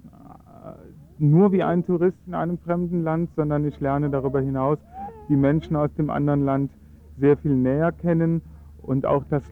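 An Esperanto advocate speaks on a radio interview, a man whose first language is German and whose voice sits fairly high. He explains his views earnestly but hesitates often, and the sound has a phone-like quality.

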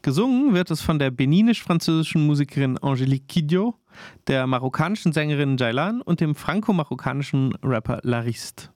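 A man presenting a book show on radio in a measured, scripted manner. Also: on the high side, animated, a little mellow, no room sound, studio quality.

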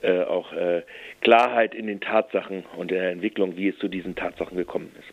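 A man calling in to a radio show, giving spontaneous political commentary in long, halting sentences with formal wording. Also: low-pitched, fairly even intonation, gravelly, no echo, phone-quality sound. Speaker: radio call-in listener.

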